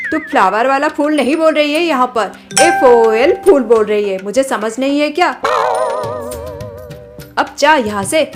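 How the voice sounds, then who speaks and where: A woman's voice: sits high, lightly acted. A woman voicing an arrogant, spoiled young woman from a rich family who scolds and sneers, in a storybook drama.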